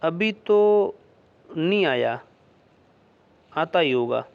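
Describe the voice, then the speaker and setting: A man's voice: a little high, lively intonation, extremely slow, creaky, clear, resonant tone, exaggerated voice. A man voicing a firm, dismissive middle-aged village mother in a read-aloud story. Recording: dull lo-fi recording.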